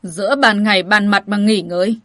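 A woman's voice: mid-range voice, steady tone, normal speed, no echo, clean studio sound, natural voice. A woman voicing a furious towering general. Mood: angry shouting. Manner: loud, cold and shouting. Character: towering angry male general in armor.

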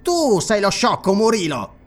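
A man's voice: high voice, big pitch swings, measured pace, voice pushed up. A man voicing a sly, mocking, treacherous priest in an audiobook, with a sneering, ironic delivery. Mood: gloating.

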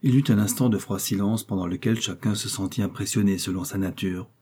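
A man reading a classic novel aloud as narrator, in a calm, even way. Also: fairly low pitch, a little fast, a little hiss or hum. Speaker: audiobook narrator.

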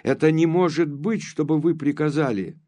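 A man's voice: a little high, moderate pace, warm tone, pitched above the performer's own voice, natural voice. A man reading an audiobook voices a passionate, indignant young noblewoman who pleads and cries out. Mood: pleading. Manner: pleading, crying out.

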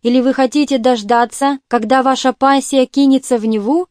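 A rambling, remorseful army captain who drinks too much, read by a woman. The voice sits fairly high yet sounds warm and close, with no room around it. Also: fairly even intonation, normal speed, no room sound, close to an everyday voice. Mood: rueful. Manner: pleading, rambling.

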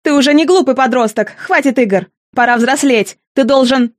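Domineering mother, scolding and nervous, raised pitch, dry close sound as a woman narrator puts her on. fits a storybook reading. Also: normal speed, dry recording, natural voice. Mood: shrill reproach. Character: domineering wealthy middle-aged mother, shrill and reproachful.

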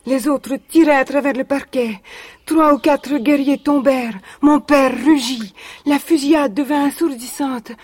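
An actress in a 1980s radio drama playing a young woman who was once a captive, telling her story in a measured, solemn way. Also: mid-range voice, a little mellow, slightly rough, dry recording. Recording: vintage radio recording.

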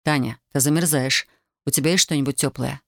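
A woman reading aloud, voicing a stern, angry young soldier husband in clipped, gruff, lowered tones. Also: steady tone, a little fast, no room sound, clean studio sound.

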